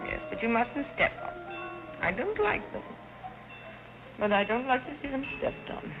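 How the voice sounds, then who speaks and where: A woman's voice: on the high side, sing-song, moderate pace. Thin, tinny old film sound with music under it carries a dazed society lady. Her fluttery screwball comedy banter swoops about, childlike and plaintive.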